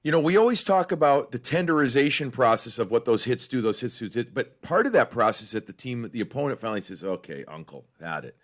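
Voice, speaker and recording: A man co-hosting a sports podcast, talking with animated emphasis in casual chat. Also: mid-range voice, fast talker, few pauses. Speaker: podcast co-host.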